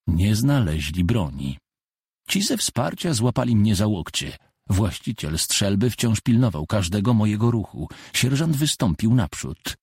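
A man reading a first-person audiobook in a measured, deadpan way. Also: on the low side, breathy edge, no room sound, studio quality.

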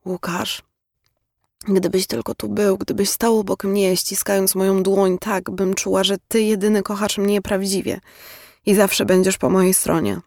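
A man's voice: high voice, steady tone, measured pace, no echo, clean studio sound, voice pushed up. A man reading an audiobook, voicing a weary, bitter young woman with intense, emotionally charged delivery. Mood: tearful longing.

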